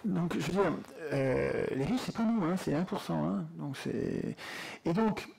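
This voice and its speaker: A man speaking at a public conference debate into a handheld mic in a lecture hall, animated and insistent. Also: on the high side, measured pace, vocal fry, breathy edge.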